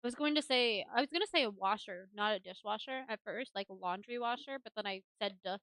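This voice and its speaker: A young woman streamer chatting casually, telling family stories in a lively, animated way and laughing often. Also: mid-range voice, quick pace, dry recording. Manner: laughs often while talking. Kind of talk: casual chat.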